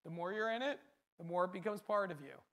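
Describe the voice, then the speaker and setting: A man's voice: sits high, animated, fast talker, fairly bright tone. A man preaching a sermon, speaking earnestly in a repetitive cadence and often asking rhetorical questions.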